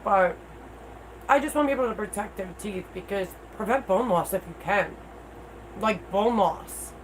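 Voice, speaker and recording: A woman's voice: medium pitch, lively intonation, moderate pace, slight background noise, low-quality recording. A middle-aged woman with toothless-sounding speech, chatting candidly and informally as she hosts a casual livestream and replies to viewers. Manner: candid, informal, mild swearing. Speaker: livestream host.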